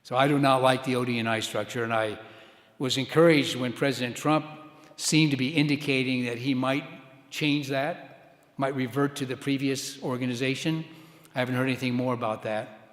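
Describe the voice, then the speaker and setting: Older American male keynote orator, rally-speech cadence, deliberate and emphatic, mid-range voice, big reverberant hall. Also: mid-range voice, steady tone, fairly bright tone. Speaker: keynote speaker, former intelligence official. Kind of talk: formal keynote speech to an audience. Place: large indoor conference hall, amplified. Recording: echoey hall with long reverb.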